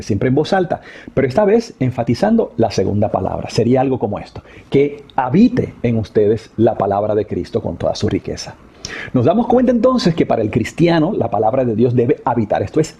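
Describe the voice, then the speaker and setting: Husky dark-voiced guy teaching bible study, slow and explaining step by step. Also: mid-range voice. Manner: measured, explanatory, repeats verses with shifting stress. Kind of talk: devotional teaching.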